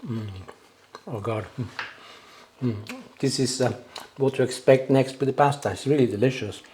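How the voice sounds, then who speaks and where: This cooking show host speaks at a moderate pace in a medium-pitched voice, casually chatting as he cooks and enjoys the food. Clear background noise and kitchen clatter accompany him.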